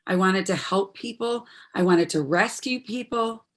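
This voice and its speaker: In an audio performance of a stage drama, a woman with a natural, mid-range voice speaks at a measured pace. She plays an earnest, troubled 26-year-old daughter who is a medical student, delivering her lines in a heartfelt, pleading way.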